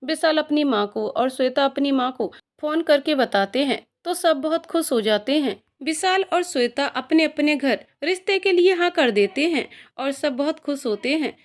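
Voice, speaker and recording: A woman narrates an emotional romance story in a high, clear voice. Her scripted reading is expressive. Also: normal speed, hardly any pauses.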